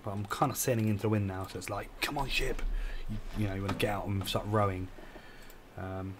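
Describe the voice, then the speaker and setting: Tired man, low flat voice. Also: fast talker, noisy background. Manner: rambling, self-correcting, explains as he plays. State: tired, yawning. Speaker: game streamer. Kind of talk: casual live gameplay commentary.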